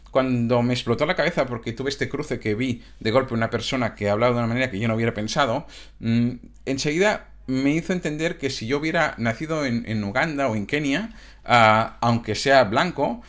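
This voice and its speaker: A man's voice: medium pitch, fairly bright tone. A man from Catalonia, a coach talking in a casual, reflective monologue that stumbles over restarts and tag questions. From Catalonia, Spain.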